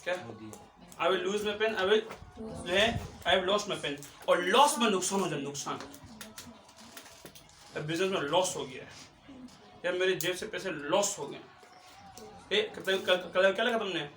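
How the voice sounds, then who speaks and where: A man's voice: sits high, unhurried, long pauses, fairly bright tone, soft background music. A male teacher explaining physics to a class, mixing English phrases into his talk and repeating questions to the students. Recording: echoey classroom, mic far off. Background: students' voices.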